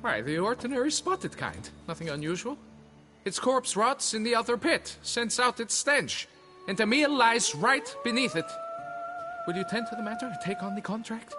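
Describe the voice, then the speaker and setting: A man doing a squeaky, blustering quarry foreman. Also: big pitch swings, moderate pace, music in the background. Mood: pleading. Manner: flustered, pleading and haggling, old-fashioned oaths. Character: fussy, blustering male quarry foreman, middle-aged. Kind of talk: fan dub of a video game.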